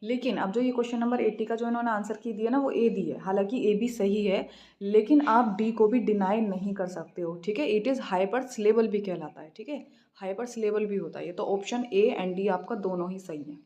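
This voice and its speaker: An Indian woman teaching English literature in an exam practice lesson, reading each question slowly and then explaining quickly in a mix of Hindi and English. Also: mid-range voice, mellow. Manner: repeats "theek hai" after each answer.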